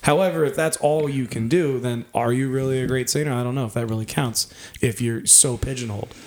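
A man's voice: mid-range voice, steady tone, brisk. A man, a band member, explaining his views casually on a podcast, thinking aloud.

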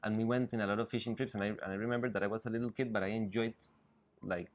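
A Costa Rican biologist with a Spanish accent answers interview questions on a riverbank as a guest, his voice lowish and steady but rapid-fire. He often restarts sentences and laughs easily. The outdoor recording carries faint ambience.

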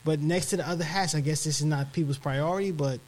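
A man's voice: on the high side, fast, heavy background noise. A man in a casual chat about his hat designs, easygoing and trailing off mid-sentence.

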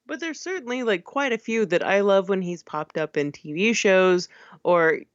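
A woman talks through a movie in loose, casual podcast chat, full of "like" and "I mean" and quick laughs. The sound is dry and close, a little dull and lo-fi. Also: mid-range voice, expressive, no room sound. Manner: chatty, laughs often, many fillers. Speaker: podcast co-host. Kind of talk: casual film discussion.

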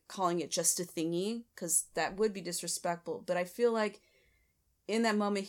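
A woman co-hosting a podcast, casually reviewing a comedy film and thoughtfully explaining her favorite and least favorite lines. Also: mid-range voice. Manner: thoughtful, explains her picks, light laughter. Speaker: podcast co-host.

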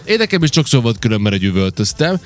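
A man chatting casually as co-host, animated and fond of acting out shouting gamers. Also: mid-range voice, soft background music. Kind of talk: casual chat.

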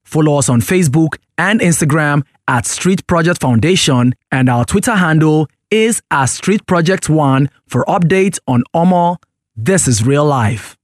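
A man with a Nigerian accent reads a scripted show outro, clear and deliberate. His voice sits slightly high, recorded close and dry in a studio. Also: expressive, no echo. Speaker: programme announcer.

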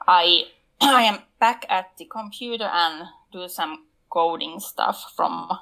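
A woman's voice: on the low side, slow pace, creaky, sharp tone, low-quality recording. A woman from Finland speaking English with a Finnish accent as a non-native speaker, chatting carefully on a podcast. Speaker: podcast panelist. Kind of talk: casual podcast chat.

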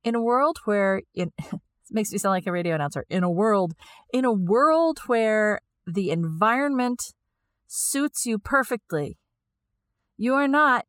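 A woman's voice: mid-range voice, a bit bright, dry recording. Woman explaining ideas in a dry room. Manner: thinks aloud, repeats phrases while explaining. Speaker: lecturer. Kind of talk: explanatory lecture.

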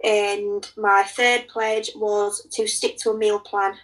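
A woman's voice: mid-range voice, little pitch movement, slow pace, distant mic, poor audio. A young woman casually running through a list of her fitness goals in a plain way. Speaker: participant sharing fitness goals. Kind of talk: casual chat.

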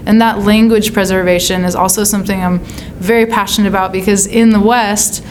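An American woman with a medium-pitched voice, talking casually in an interview. She searches for her words in an informal, thoughtful way, with some background noise around her. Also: fairly even intonation, a little fast. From California, United States. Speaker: songwriter being interviewed.

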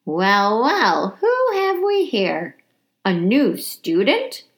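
A woman voicing a big, booming, friendly man in a children's storybook, with slow, hearty delivery. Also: wildly swooping pitch, exaggerated voice. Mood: jovial.

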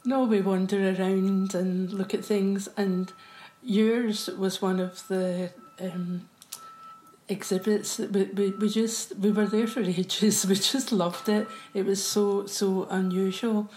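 A woman's voice: medium pitch, steady tone, slow pace, darkish tone. A woman hosting a casual interview, chatty and hesitant, with many fillers. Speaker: podcast host, interviewer. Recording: roomy room with faint background noise.

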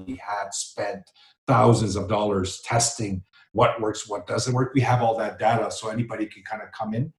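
A man's voice: fairly low pitch, fairly even intonation, moderate pace, reverberant, low-quality recording. A man, an entrepreneur guest on a podcast, talking casually with hesitations and fillers. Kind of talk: interview conversation.

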